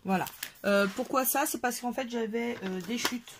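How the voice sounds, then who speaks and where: A woman's voice: a little high, normal speed. A woman hosting a casual craft tutorial at her table, chatty and hesitant, with frequent fillers. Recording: noisy home recording.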